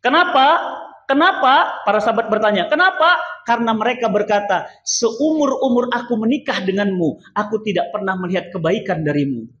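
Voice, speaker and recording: A man preaching a sermon to a mosque congregation, animated and theatrical, acting out the voices he quotes. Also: sits high, brisk. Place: large mosque hall. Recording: echoey, dull mosque PA recording.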